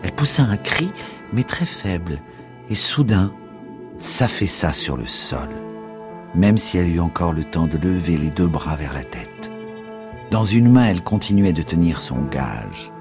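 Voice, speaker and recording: A man giving a measured, dramatic scripted narration of a novel. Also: sits low, lively intonation, music in the background. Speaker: audiobook narrator.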